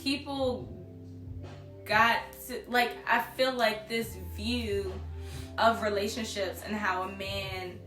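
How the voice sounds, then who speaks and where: A woman's voice: medium pitch, fairly even intonation, takes it slowly, fairly bright tone, roomy sound, soft background music. A young woman co-hosting a podcast in casual chat, blunt and profane, laughing often. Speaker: podcast co-host.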